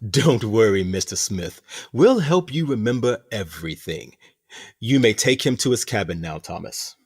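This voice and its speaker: Voicing the smug, theatrical captain of a sinister prison colony for a radio play, a male actor speaks pompously, deliberately, and with condescension. His exaggerated voice is on the low side, animated, a little mellow with a breathy edge, and sounds smug and menacing.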